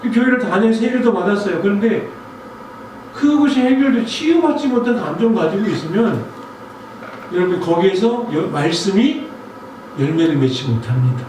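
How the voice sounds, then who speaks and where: A man's voice: sits high, lively intonation, moderate pace, a little mellow. A male pastor preaching a Sunday sermon, telling a personal story in a conversational way and asking the congregation questions. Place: church sanctuary. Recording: very echoey hall, distant mic, faint noise.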